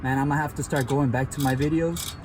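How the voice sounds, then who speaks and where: A man's voice: medium pitch, steady tone, fast talker. A man chatting casually and jokingly in slangy, sweary frat-bro talk while working on a car as an amateur mechanic vlogger. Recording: loud car and tool noise, handheld camera.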